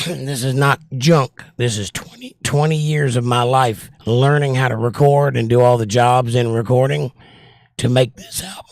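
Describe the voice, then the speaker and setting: This older livestream host casually reads out viewers' comments and answers them in a medium-pitched, slightly mellow voice that years of trouble have worn. The recording is dry and studio-clean.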